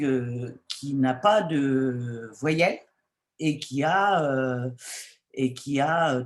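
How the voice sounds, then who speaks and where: A woman telling an anecdote on a webinar panel, slowly and with fillers. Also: low voice. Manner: slow, anecdotal storytelling with fillers. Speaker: guest storyteller and writer.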